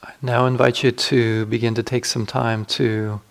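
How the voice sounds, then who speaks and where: Speaking in a mid-range voice with vocal fry, a man leads a guided meditation as its teacher. His delivery stays flat as he offers gentle, slow-paced directions with long silences between them.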